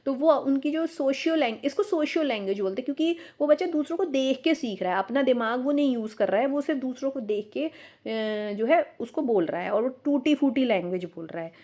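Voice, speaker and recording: Fairly high-voiced woman teaching a lesson. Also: lively intonation, fairly quick, warm tone. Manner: explanatory, asks and answers her own questions. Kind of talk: exam-prep lecture.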